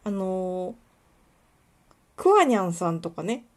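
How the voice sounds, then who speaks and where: Speaking slowly in a lowish, very animated voice, this podcast host is a young woman from Kuwana, Mie, Japan. On her solo talk show she rambles casually in a light local dialect, her speech full of fillers.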